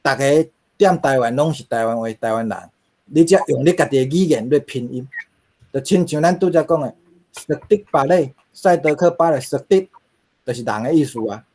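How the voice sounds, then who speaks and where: A man's voice: fairly high pitch, moderate pace, mellow. Man lecturing with a Taiwanese accent. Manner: rhetorical questions, frequent fillers. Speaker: linguistics lecturer. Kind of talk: classroom lecture.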